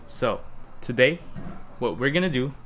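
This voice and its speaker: A man's voice: medium pitch, animated, measured pace, fairly bright tone, slight background noise. A young man hosting his own car project vlog, talking loosely to camera with frequent restarts. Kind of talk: casual vlog talk to camera.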